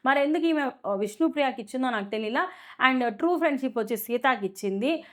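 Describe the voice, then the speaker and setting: A woman's voice: sits high, expressive, quick pace. A woman giving a casual, opinionated review of a reality show, full of fillers and rhetorical questions.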